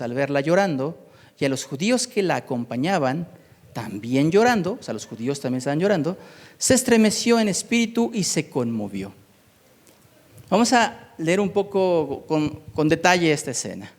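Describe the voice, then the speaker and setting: A man preaches with a high, lively voice that rises and falls a lot. He stumbles and repeats words as he talks to his congregation, and a long reverb trails behind him in the hall. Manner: expressive, repeats words and restarts while searching for them; reads scripture aloud then explains it to the congregation. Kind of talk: sermon. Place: church hall.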